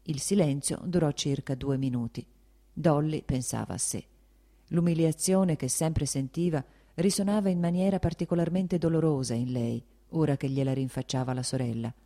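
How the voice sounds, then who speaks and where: Woman narrator, audiobook, low pitch, mellow dark tone, calm steady reading. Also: moderate pace. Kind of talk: scripted narration of a novel.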